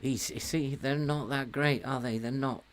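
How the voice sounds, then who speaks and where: A man in his sixties, chatting and chuckling at himself while commenting on a game he plays. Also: mid-range voice. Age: 60s. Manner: chuckling, self-mocking, slow and chatty. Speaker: let's play host.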